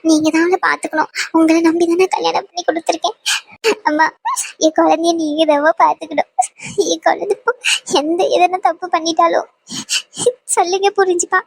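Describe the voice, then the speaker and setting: A woman doing a weepy, anxious cartoon mother who begs over and over. The voice rides very high in a dry, close recording. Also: fairly even intonation, brisk, no echo, close to an everyday voice. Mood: tearful pleading. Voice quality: high, pleading and tearful. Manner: begging, repeats her worries. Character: anxious tearful mother of a new bride. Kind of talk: cartoon voice acting.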